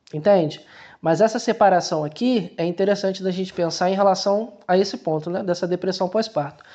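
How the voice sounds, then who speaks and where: Man, Brazilian Portuguese accent, book commentary host, colloquial, mellow tone, slightly lo-fi recording. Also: high voice. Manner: colloquial, talks straight to the viewer with restarts. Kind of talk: casual book commentary to viewers.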